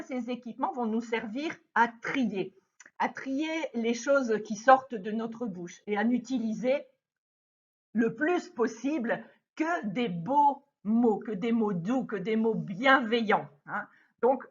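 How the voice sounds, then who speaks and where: Husky-voiced woman teaching children. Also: on the high side. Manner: gentle, animated, frequent hesitation fillers. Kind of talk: children's lesson on kind words. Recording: dull lo-fi sound.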